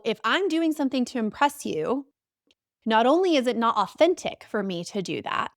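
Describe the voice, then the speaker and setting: Woman podcast guest, young adult, emphatic, repeats phrases, bright higher voice, dry close sound. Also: no room sound. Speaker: podcast guest, somatic coach. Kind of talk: conversational podcast interview.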